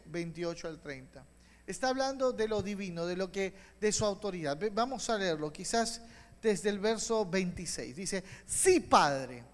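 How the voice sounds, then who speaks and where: A male pastor preaching a sermon with passion, dropping to quiet asides and rising to loud calls. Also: high voice. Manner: impassioned preaching, swings from soft to loud. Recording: long hall reverb.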